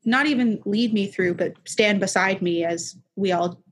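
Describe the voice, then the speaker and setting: A woman's voice: mid-range voice, measured pace. A young woman talking as a podcast guest in a casual chat, reflective and rambling, with many restarts.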